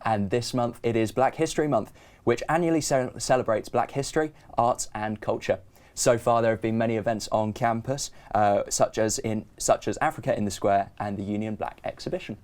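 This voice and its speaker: A young man reading student TV news in a studio, with a measured newsreader delivery. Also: fairly low pitch, a little mellow.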